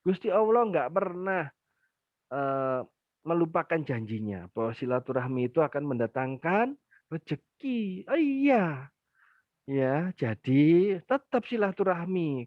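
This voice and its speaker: A man with an East Javanese accent giving an animated parenting talk, speaking straight to mothers and acting out little scenes. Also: on the high side, no room sound, highs cut off. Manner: animated, acts out dialogues and addresses mothers directly.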